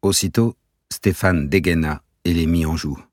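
A man narrating a novel aloud in a measured, even storytelling manner. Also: sits low, dry recording, clean studio sound. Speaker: audiobook narrator. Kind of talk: scripted narration.

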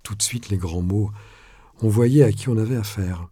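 A man reading a novel aloud as narrator, measured with a dry ironic touch. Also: on the low side, dark tone, breathy edge, no room sound. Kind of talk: audiobook reading.

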